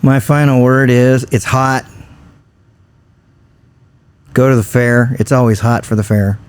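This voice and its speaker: A man's voice: mid-range voice, fairly even intonation, measured pace, clean tone. A man co-hosting a local podcast in casual chat, a news writer who tells stories in a dry, explanatory way.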